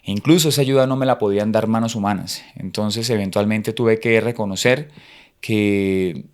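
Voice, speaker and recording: A man's voice: fairly low pitch, steady tone, normal speed. A middle-aged man from Cúcuta, Colombia, with a Cúcuta accent, sharing a personal faith testimony as an interview guest in a reflective, hesitant way. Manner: reflective, hesitant, many fillers.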